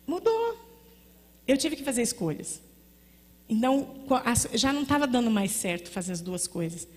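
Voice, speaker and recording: A woman's voice: a little high, very animated, normal speed. A woman with a Brazilian accent giving an emphatic testimony sermon at a women's conference, telling stories and repeating her points. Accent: Brazilian Portuguese. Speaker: guest preacher at a women's conference. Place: church sanctuary. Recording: long echo of a church hall.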